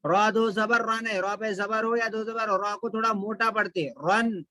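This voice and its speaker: Guy teaching quran reading, highish bright voice, slow chanted verses, dry room. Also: little pitch movement, no room sound. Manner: quick spoken explanations, then slow drawn-out chanting of verses. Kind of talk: tajweed lesson with slow chanted recitation.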